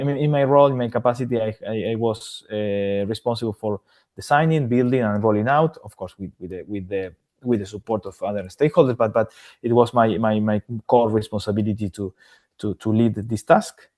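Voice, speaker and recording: A man's voice: medium pitch, warm tone. Male guest from Argentina, mid-range voice, hesitant speech full of restarts. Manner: halting, many repeated words and restarts. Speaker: podcast guest, AI governance consultant. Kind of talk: casual interview answers.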